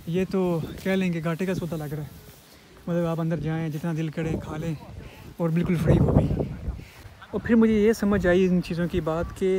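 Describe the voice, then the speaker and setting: A young man talks in a chatty, explaining way, his voice a touch higher than most and a little sore in the throat. He films himself on a handheld phone outdoors on a farm. Wind and outdoor noise come through clearly behind him. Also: steady tone, normal speed. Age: young adult. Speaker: vlogger. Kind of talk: casual vlog narration. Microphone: phone camera held by hand.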